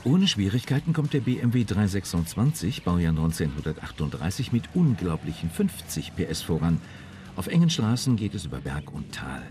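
A very deep male voice reads a polished documentary script, his pitch rising and falling with lively emphasis. He sounds measured and informative, with music running clearly beneath him. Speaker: narrator. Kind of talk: scripted magazine narration.

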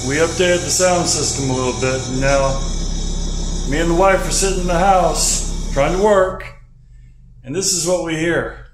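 Music plays in the background as a middle-aged man with a fairly high voice talks at normal speed in his casual car audio vlog. Thinking aloud, he installs and reviews equipment across a garage, a car, and a house interior, all with a roomy echo.

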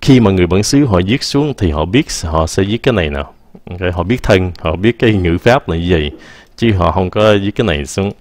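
A man, teaching English in a casual, patient lesson and repeating example phrases slowly. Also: low-pitched, expressive, darkish tone, no room sound.

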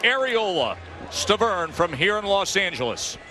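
A man's voice: high voice, sing-song, a little slow, sharp tone, a little hiss or hum, low-quality recording. A man giving live TV boxing commentary in short, dramatic, punchy phrases. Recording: crowd and music behind. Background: arena crowd and music.

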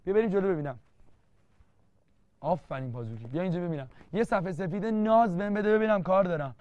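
A man's voice: high-pitched, lively intonation, a little mellow, no echo. A man teaching an exam-prep literature lesson, playful and teasing, repeating key terms again and again to drill them. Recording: dull lo-fi dry sound.

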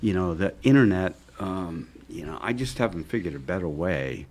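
An older man, a chef appearing as a guest in a TV studio, talks at a desk microphone on a stand in a casual interview. His voice is deep, animated and a little mellow. His speech is halting, full of fillers and restarts.

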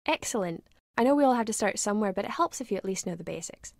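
A woman's voice: medium pitch, expressive, vocal fry, no echo, studio quality. A polite, wary young mother. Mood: measured. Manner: polite, measured and slightly wary. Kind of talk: video game voice acting.

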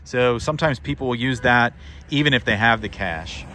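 A man in his thirties talks through a product in a relaxed, plainspoken sales pitch, dotted with "uh" and "um." He records himself on a phone at arm's length in an outdoor lot, mid-pitched, with faint traffic noise behind him. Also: normal speed. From Missouri, USA. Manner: chatty, plainspoken, frequent fillers. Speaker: equipment dealer presenting a product. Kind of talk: casual sales walkthrough. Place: outdoors in a sunny equipment lot by a road. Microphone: phone camera held at arm's length.

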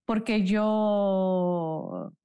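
A woman giving an emotional, halting personal testimony in an interview, earnest and religious. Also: medium pitch, warm tone, clear, resonant tone, no echo, lo-fi sound. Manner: emotional, slow, halting storytelling. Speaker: interview guest, bereaved mother.

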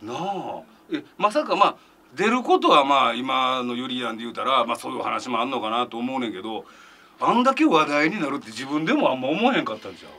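A man's voice: medium pitch, fast. A man with a Kansai accent hosting a casual comedy chat, teasing and laughing often. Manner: chatty, laughing, lively teasing. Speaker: host.

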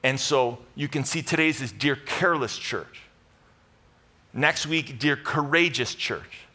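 In an unhurried, pushed and bright medium-pitched voice, a middle-aged American man preaches as pastor to a live congregation. The Bible-teaching sermon, given indoors on a church stage, comes in punchy short phrases, conversational and heavily repeated for emphasis.

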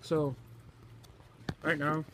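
A man's voice: on the high side, flat delivery, very slow, sharp tone. A young adult man chatting casually to the camera as he hosts a taste challenge, eating gross jelly beans. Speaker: vlogger hosting a taste challenge. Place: small bedroom indoors. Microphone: phone camera at arm's length. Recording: noisy home phone-camera recording.

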